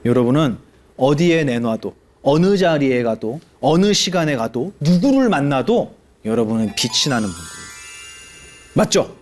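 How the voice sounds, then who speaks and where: A male Buddhist monk giving a lively sermon to an audience, asking them questions and acting out the people he quotes. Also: medium pitch, moderate pace, faint music behind. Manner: animated, asks the audience questions and acts out quoted speech.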